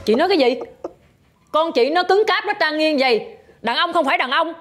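A woman's voice: high voice, expressive, a little fast, soft background music. An actress playing a nosy, talkative middle-aged woman who rambles and teases. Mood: teasing. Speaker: neighbor or relative of the family. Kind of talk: TV family drama acting.

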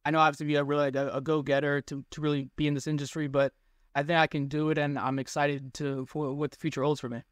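A man's voice: on the high side, little pitch movement, fast talker, no echo, clean studio sound. A teenage boy answering interview questions over a video call, rambling and filling his sentences with "like". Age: teens. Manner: rambling, lots of "like". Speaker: guest, baseball analytics tweeter. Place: small room indoors. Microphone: webcam on a video call.

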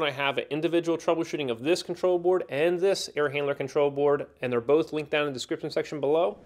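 A man in his thirties teaching circuit board troubleshooting in a plain, practical way, with the odd filler, from a small training room. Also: fairly high pitch. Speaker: HVAC instructor. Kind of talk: technical training explanation. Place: indoor training room with whiteboard.

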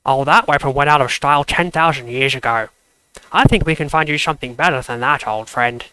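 A man voicing a wise, weary older male ruler in a fan storybook reading, speaking in a measured, gentle way. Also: medium pitch, clear, resonant tone, no room sound, lightly acted, rough recording. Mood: fond.

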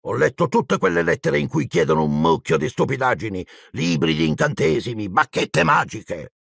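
A man voicing a blustering, stout middle-aged uncle who sputters indignantly in a shrill, raised voice. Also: lively intonation, normal speed, vocal fry, fairly bright tone, husky, no room sound, studio quality, heavily acted. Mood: scornful.

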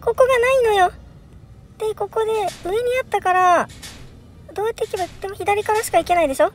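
Female horror game streamer, extremely high-pitched, excitable, thinks aloud, given to alarmed outcries. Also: fast talker. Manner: excitable, crying out in alarm with repeated panicked exclamations; thinks aloud, puzzling through moves. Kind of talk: first-play horror puzzle game commentary.

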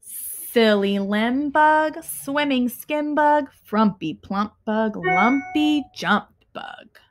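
A young adult teacher gives an expressive storytime reading of a picture book for kids, recorded at home in a small living room. She uses a fairly high voice and a very slow pace, with pauses and clear emphasis marking off every short phrase.

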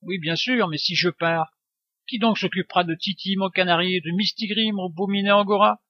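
A man reading the part of a frail, pious 82-year-old widow who pleads gently. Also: high voice, steady tone, normal speed, no echo, lo-fi sound.

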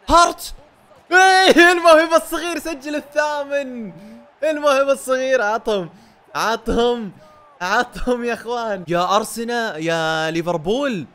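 A man with a Gulf Arabic accent giving excited, chatty commentary on a football video game and scolding the players on screen. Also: fairly high pitch. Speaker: gaming YouTuber.

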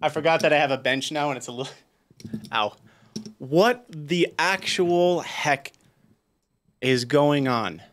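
A man reacting with excited, incredulous exclamations while livestreaming as a pianist. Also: a little high, unhurried, pauses often. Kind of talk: live-stream reaction chat.

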